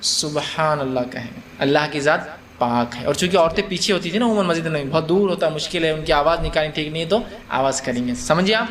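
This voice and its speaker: A man's voice: on the high side, fairly bright tone. A man giving a religious lecture, explaining conversationally by asking and answering his own questions and acting out scenes. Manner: acts out scenes with shifted voices. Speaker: Islamic lecturer.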